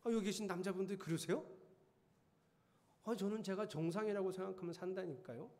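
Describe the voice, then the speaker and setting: A middle-aged man preaching in a church sanctuary, relaxed and conversational, often teasing his listeners with questions. His voice sits somewhat high for a man. Long reverb from the hall follows him. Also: fairly quick, background noise. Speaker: pastor. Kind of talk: sermon.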